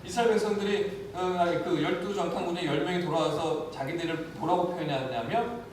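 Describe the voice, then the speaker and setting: A male pastor preaching an animated sermon, acting out the voices of the people and of God, recorded from a distance in a church. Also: sits high, brisk. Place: church sanctuary. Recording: very echoey church hall, mic from a distance, faint noise.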